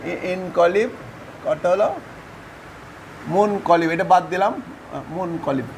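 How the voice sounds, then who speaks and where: High-voiced male teacher drilling verb forms. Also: measured pace, a little hiss or hum. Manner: repetitive chanting drills, questioning students. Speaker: Arabic grammar teacher.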